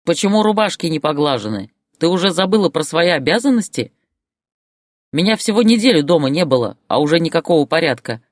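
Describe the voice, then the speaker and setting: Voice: medium pitch, normal speed, dry recording, clean studio sound, lightly acted. A storyteller voicing a furious bullying husband who roars and barks insults, in an audiobook character voice. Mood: raging. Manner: roaring, barking, insulting.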